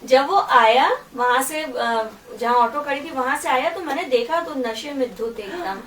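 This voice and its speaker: High-voiced woman telling a story. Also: normal speed, a bit bright. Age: middle-aged. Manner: storytelling, quoting others. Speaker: church member giving testimony. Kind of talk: testimony to a congregation. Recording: echoey room from far off, noisy.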